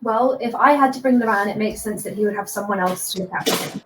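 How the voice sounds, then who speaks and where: A woman's voice: medium pitch, fast talker, voice pushed down, close to an everyday voice. A woman voicing a stern, suspicious young man in his twenties who questions pointedly and sarcastically. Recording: echoey room with faint noise.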